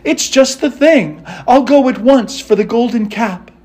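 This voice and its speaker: A man's voice: sits high, measured pace, darkish tone, voice pushed up. A man voicing an earnest, homesick little girl in a storybook. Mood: joyful.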